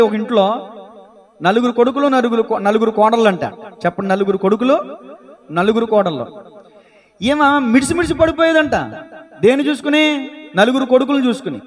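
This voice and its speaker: A male pastor preaching a sermon in church, telling stories and calling on the congregation to answer aloud. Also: very high-pitched. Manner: lively storytelling, calls on listeners to answer aloud.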